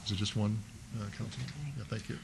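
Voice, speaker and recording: A fast-talking councilman with a gravelly, lowish voice and little pitch movement questions an applicant at a public hearing. Folksy and methodical, he thinks aloud with fillers into a desk microphone, and the council chambers sound noisy behind him.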